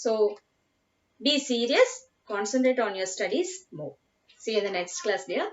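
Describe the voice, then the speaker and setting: A woman teacher with a Malayali accent giving a slow class lesson, repeating each word patiently and switching into Malayalam to explain. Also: fairly high pitch, very animated. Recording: dull lo-fi sound.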